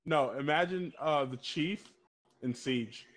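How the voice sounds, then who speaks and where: An excited man in a casual podcast chat, insisting on his point. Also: fairly high pitch, slow pace.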